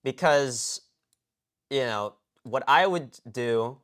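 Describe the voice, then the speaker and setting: A man's voice: medium pitch, expressive, slow, fairly bright tone. A man chatting on a late-night live stream, rambling in slang and often cutting himself off mid-sentence. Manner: rambling, slangy, self-interrupting.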